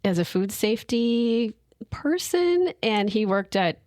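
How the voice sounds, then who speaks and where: A woman's voice: fairly high pitch, very animated, slow, a little mellow, no echo, clean studio sound. A woman co-hosting a podcast in casual chat, chatty, laughing often and restarting her sentences. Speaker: podcast co-host.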